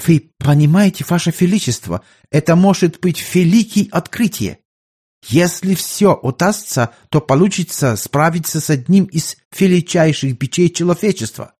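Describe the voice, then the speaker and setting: Brief: a man playing an earnest middle-aged doctor, mellow tone, audiobook. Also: fairly high pitch, lively intonation, normal speed, husky, voice pushed up. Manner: respectful, pleading.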